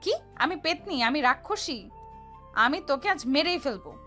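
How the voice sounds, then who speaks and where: Woman doing a shrill hot-tempered young bride. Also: normal speed, a bit bright, faint music behind. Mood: furious.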